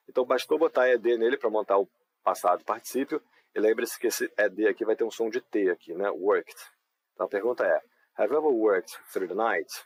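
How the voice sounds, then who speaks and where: A man's voice: lowish voice, dry recording, rough recording. A man with a Brazilian Portuguese accent teaching an English class live online, explaining patiently and often checking in with his students. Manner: patient, explanatory, frequent tag questions.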